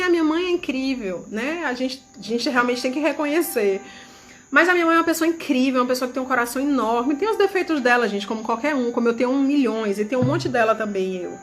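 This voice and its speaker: A woman's voice: sits high, fast talker, faint music behind. A woman leading a church youth ministry, preaching an emotional testimony and repeatedly calling out to her listeners. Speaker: youth ministry leader giving a testimony sermon.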